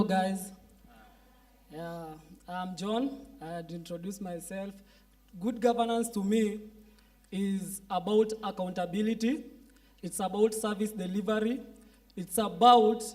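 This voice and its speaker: A man's voice: sits high, darkish tone. A young man from Kenya speaking as a student panelist, searching for words with restarts. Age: young adult. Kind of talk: panel discussion. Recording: voice picked up from a distance.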